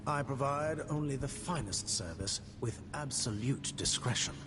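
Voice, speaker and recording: A man's voice: mid-range voice, lively intonation, normal speed, music in the background, lightly acted. An actor playing a courteous, discreet male shopkeeper in a video game, with formal, obliging sales patter. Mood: smooth, welcoming. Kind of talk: video game character dialogue. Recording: game audio with clear noise.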